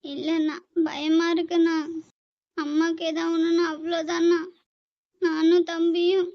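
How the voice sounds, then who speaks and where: A woman plays a young sister who sobs and begs her older brother for help while secretly angling for his money. Her very high voice barely moves in pitch, so the pleading comes out flat and thin. The recording is dry and muffled. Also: moderate pace. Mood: tearful pleading. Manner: tearful, pleading, calls him brother repeatedly. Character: young woman faking tears to get money. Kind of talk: amateur short drama acting.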